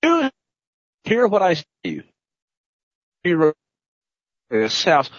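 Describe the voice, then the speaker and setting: A man's voice: fairly high pitch, wildly swooping pitch, breathy edge, no room sound. Man breaking up on a bad call line. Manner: halting, fragmented speech. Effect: voice breaking up over a bad call connection. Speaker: Bible study participant. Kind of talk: group Bible study on a call. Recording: dull lo-fi call audio, dry.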